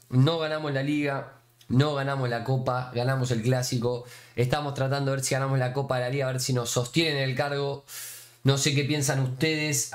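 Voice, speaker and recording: A young Argentine streamer narrating his own game live. His voice leaps into high excited yelps at every tense moment, and he talks to viewers in loose street slang. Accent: Argentine Spanish. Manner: slang-heavy, talks straight to the audience. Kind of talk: live gameplay commentary.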